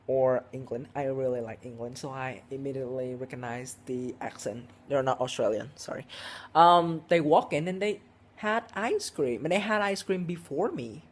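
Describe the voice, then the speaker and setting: Teen guy rambling thru a vlog story, tons of likes and ums, keeps restarting, mid pitch. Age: teenager, 16. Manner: rambling, heavy with "like" and "um", frequent restarts. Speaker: vlogger.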